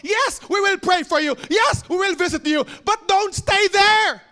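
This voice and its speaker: A male pastor with a Filipino accent, preaching to his congregation. His voice sits very high and sounds bright and forceful. He rises to shouted exhortation, then drops low and quiet to tell a story. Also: a little slow. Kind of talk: sermon. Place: church sanctuary.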